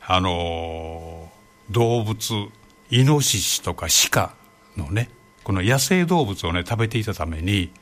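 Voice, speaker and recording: Lively low-voiced male podcast host. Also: slow, slight background noise. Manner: explains gently, adds "ne" to his phrases. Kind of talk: casual chat.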